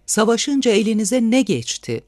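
A man voicing a small, bearded street agitator who shouts a rousing speech at a crowd. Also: high-pitched, expressive, normal speed, no echo, clean studio sound. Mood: shouting.

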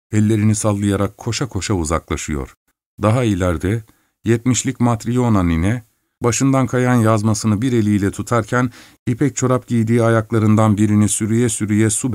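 Low-voiced man reading a story. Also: dry recording, studio quality. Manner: steady, measured first-person reading. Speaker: audiobook narrator. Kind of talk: storybook narration.

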